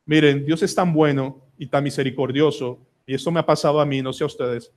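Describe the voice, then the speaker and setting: Emphatic Colombian pastor preaching. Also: male voice, on the high side, steady tone, fairly quick, a little mellow. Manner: emphatic, pleading, asks the congregation many questions. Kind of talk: sermon. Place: church sanctuary.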